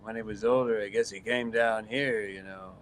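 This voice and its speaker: A cartoonist co-hosting a casual livestream chat, easygoing and quick to agree. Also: male voice, on the low side, fairly even intonation, a little hiss or hum. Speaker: cartoonist and co-host.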